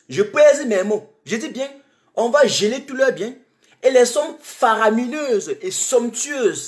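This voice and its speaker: A man from Cameroon, giving an emphatic, repetitive live-streamed political monologue full of rhetorical questions. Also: sits high.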